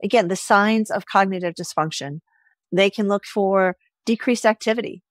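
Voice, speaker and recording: An animated woman veterinarian chats as a podcast guest, often ending her points with "right?" and putting on little voices for the dogs. Her pitch is ordinary and mid-range. The sound is dry and close-miked. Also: normal speed, dry recording. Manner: animated, tags lines with "right?", acts out pets' voices. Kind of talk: casual interview chat.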